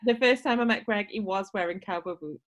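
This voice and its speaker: A woman's voice: medium pitch, fast talker. A woman co-hosting an advice podcast, chatting casually and laughing often. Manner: chatty, laughs often, reads listener letters. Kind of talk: casual chat.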